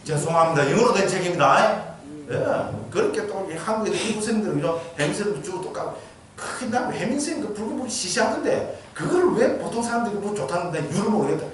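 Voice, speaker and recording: In a temple lecture hall, captured from afar with echo and a little hiss or hum, a Gyeongsang-accented monk gives a dharma talk. His high voice is fast with lively intonation, and he frequently quizzes the audience and asks "geujyo?" to make sure they follow.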